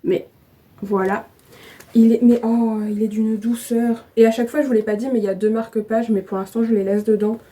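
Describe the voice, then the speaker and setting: Gushing chatty woman, mellow voice. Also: a little high, fairly quick. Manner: gushing, excitable, chatty with fillers. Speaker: vlogger. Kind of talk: casual unboxing chat. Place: at home on her bed.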